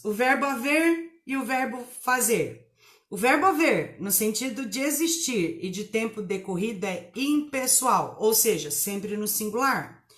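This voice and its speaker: A woman teaching a live online writing lesson, emphatic, spelling words out and asking rhetorical questions. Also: fairly high pitch.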